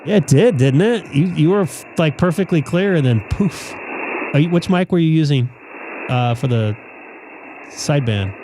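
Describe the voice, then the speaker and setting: A man's voice: a little high, animated, moderate pace. A man who is an amateur radio operator, chatting casually in an informal way. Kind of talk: casual chat. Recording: clear background radio hiss.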